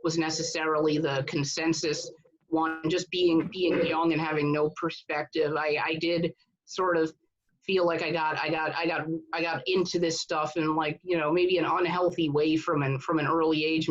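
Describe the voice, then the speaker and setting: A man in his thirties from Connecticut talks in a flat, even tone as a guest in a casual interview. He stops and restarts often and repeats words as he thinks. The sound is dull and muffled. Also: on the high side, moderate pace. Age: 30s.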